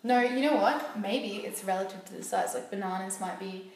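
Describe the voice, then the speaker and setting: A woman's voice: mid-range voice, normal speed. A young woman chatting casually and jokingly with a friend. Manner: playful, jokey, puts on silly voices. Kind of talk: casual chat. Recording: very echoey room, from a distance.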